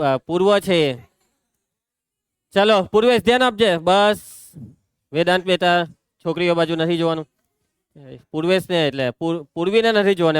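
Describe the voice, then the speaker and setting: High-voiced Gujarati maths teacher. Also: male voice, clear, resonant tone, no room sound, studio quality. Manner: calls out students by name, brisk and teasing. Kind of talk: classroom lesson.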